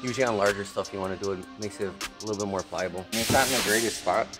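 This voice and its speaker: A man's voice: fairly low pitch, very fast, over loud music. A man working as a dent repair technician, explaining his work plainly in a large shop. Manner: matter-of-fact, explaining.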